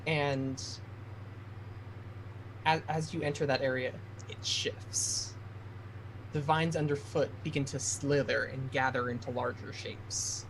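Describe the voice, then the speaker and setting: A man's voice: medium pitch, little pitch movement, takes it slowly, long pauses, fairly bright tone, slight background noise, low-quality recording. A man running a tabletop game as game master, narrating scenes and explaining them to players.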